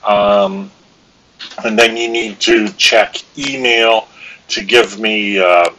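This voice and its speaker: A man's voice: lowish voice, fairly even intonation, takes it slowly, pushed and bright, slight background noise, low-quality recording. A man with the hiccups giving a live-streamed course tutorial, hesitant and filled with ums and uhs as he walks through his screen. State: has the hiccups. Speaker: online course instructor.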